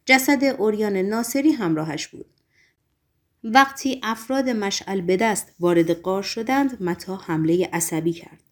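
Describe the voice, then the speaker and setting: A woman narrating a novel as an audiobook in a measured, literary reading. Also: medium pitch.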